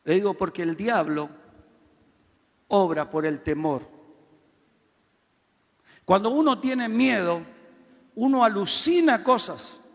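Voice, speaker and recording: A man preaching a sermon as pastor, telling a story and then building to loud, shouted calls for the congregation to repeat after him. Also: high-pitched, lively intonation, slow pace, long pauses, big-room sound.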